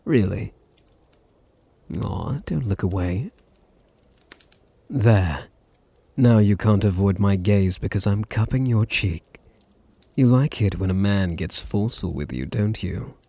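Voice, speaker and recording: A man voices a dominant, aristocratic vampire in an intimate ASMR roleplay, his British voice deep, husky, gravelly, low and unhurried. He purrs with possessive condescension and teases the listener softly, tender and teasing in mood, in an exaggerated voice with no room sound.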